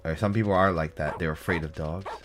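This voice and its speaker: Talking fast in a low, steady voice, this man plays a game and chats casually about it, reading the on-screen text aloud and adding filler and asides. He's a let's play host whose voice is still recovering, with a slight cough, and there's background noise.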